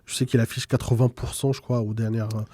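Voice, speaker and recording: A man's voice: mid-range voice, level tone, quick pace, warm tone, no echo. A man from France, a guest in a casual interview, explaining things through examples with frequent restarts. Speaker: guest trader.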